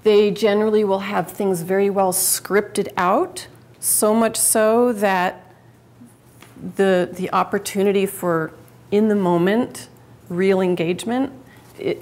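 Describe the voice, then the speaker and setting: A woman's voice: medium pitch, fairly even intonation, measured pace, a little mellow. A woman giving a live public speaking talk to an audience, chatty and conversational, often restarting and correcting herself mid-sentence.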